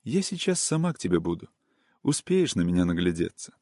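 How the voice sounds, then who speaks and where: A man voicing a tender, melancholy young peasant woman in an audiobook reading, with a soft, soothing, singsong manner. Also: low-pitched, sing-song, brisk, dry recording, studio quality, pitched below the performer's own voice.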